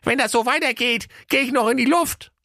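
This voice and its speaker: Irritable talking dud bomb for a comic audio fairy tale, squeaky and cheeky, slangy grumbler. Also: male voice, fairly quick, creaky, pushed and bright, no room sound, clean studio sound, full character voice. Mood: grumpy.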